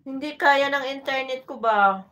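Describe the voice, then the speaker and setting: A chatty Bicolano woman on a late-night phone livestream, mumbling to herself between bursts of laughter. Her voice is high and sharply bright. She sits a little back from the phone's mic. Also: normal speed, far from the mic. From Bicol region, Philippines. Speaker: livestream vlogger.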